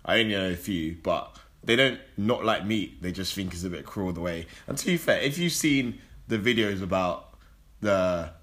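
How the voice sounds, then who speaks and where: A young man chatting casually and arguing his opinions in an animated, slangy, sweary way. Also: low voice, moderate pace. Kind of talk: casual chat, debate.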